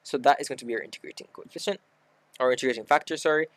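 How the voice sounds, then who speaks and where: A man's voice: medium pitch, rapid-fire, no echo. A man tutoring maths, talking casually through a worked example step by step and correcting himself as he goes. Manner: talks through steps aloud, self-correcting. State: hiccuping.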